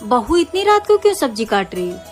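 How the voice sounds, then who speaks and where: A woman's voice: on the high side, sing-song, a little fast, soft background music. An actress playing a harsh, scolding middle-aged mother-in-law in a melodramatic short skit, talking in a taunting, sarcastic way. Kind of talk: melodramatic short-video acting.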